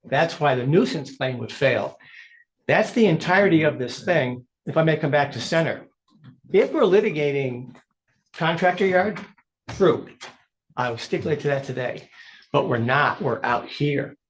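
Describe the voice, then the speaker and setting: A man's voice: fairly high pitch, lively intonation, moderate pace. Emphatic male attorney arguing in court. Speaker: attorney arguing before a judge. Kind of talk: courtroom legal argument.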